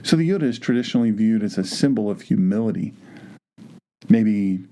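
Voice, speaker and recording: A man teaching the Bible with animated emphasis, often repeating phrases to drive a point home. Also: on the low side, normal speed. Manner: acts out imagined objections in quoted voices.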